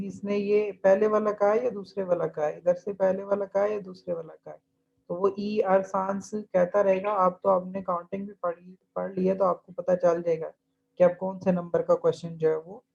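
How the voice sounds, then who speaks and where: A man's voice: high-pitched, vocal fry, darkish tone. A male language teacher giving an online class, patiently repeating drill phrases and explaining each step. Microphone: computer mic in an online class. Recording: dull, lo-fi online class audio.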